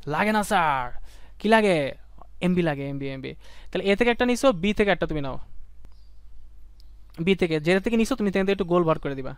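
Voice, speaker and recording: A young man teaches a live online class at a quick clip, his voice pitched high and clear. He keeps repeating himself and asks the students rhetorical questions as he urges them on. The sound is dry and close to the mic. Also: lively intonation, no room sound.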